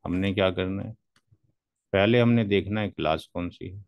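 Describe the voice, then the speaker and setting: A man's voice: deep voice, moderate pace, muffled recording. A man teaching a classroom lecture as a networking instructor, methodically spelling out numbers step by step.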